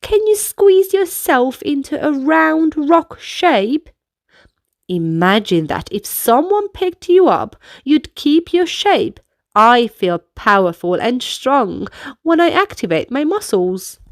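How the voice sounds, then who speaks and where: A woman with a high, sing-song voice narrates a children's storybook and walks young listeners through dance moves, taking it slowly. Her delivery is instructive and clearly paced, captured in a dry, studio-quality recording.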